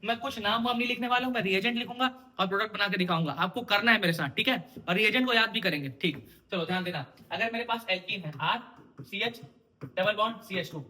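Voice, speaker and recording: Bright high-voiced man teaching chemistry. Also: fast talker. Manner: quizzing, repeating questions to students; teasing, informal. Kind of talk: exam-prep lecture.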